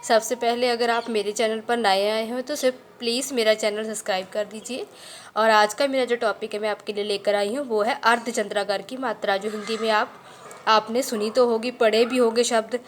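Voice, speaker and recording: Higher-voiced woman explaining Hindi grammar. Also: fairly even intonation, a little hiss or hum. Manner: patient explaining, repeats key points slowly. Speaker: teacher.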